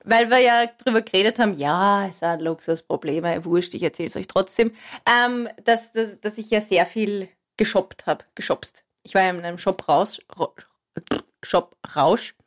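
A woman's voice: mid-range voice, moderate pace. A woman with an Austrian accent, a regular on a radio show, chatting in the studio and telling a joke with frequent laughs and a nervous, talkative manner.

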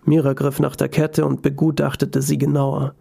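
A man narrating a story in an even, calm storytelling voice. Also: medium pitch, normal speed, vocal fry.

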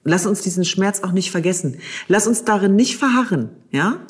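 Husky, impassioned speaker in a discussion. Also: mid-range voice, animated, brisk. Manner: emphatic, urgent, repeats phrases for stress. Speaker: discussion partner. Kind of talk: impassioned conversation.

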